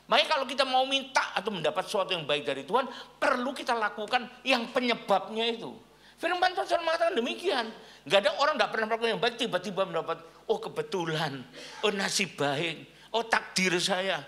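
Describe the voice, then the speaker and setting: A middle-aged man pastor preaching a sermon, telling stories and asking the congregation questions. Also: high-pitched. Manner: animated storytelling preacher, asks the congregation questions.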